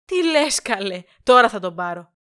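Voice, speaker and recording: An actress playing a sick, impatient young woman who is sarcastic and quick-tempered. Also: fairly high pitch, sing-song, a bit bright. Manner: snappy and sarcastic.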